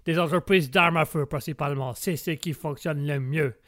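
A man's voice: fairly high pitch, steady tone, normal speed, a bit bright, no echo, studio quality, lightly acted. A man playing a boastful Texan billionaire gun-maker who fumbles for words and drops English words into his talk.

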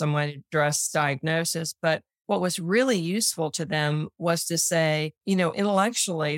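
An older woman with a Tidewater Virginia accent, explaining things in a measured, conversational way as an interview guest. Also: low-pitched, dry recording, studio quality. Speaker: interview guest, clinical psychologist.

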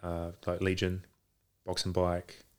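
A man's voice: sits low, monotone, slow pace, a little mellow, clear, resonant tone. A man in a casual chat as a guest, talking in a hesitant, rambling way. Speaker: podcast guest, boxing coach. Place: home garage.

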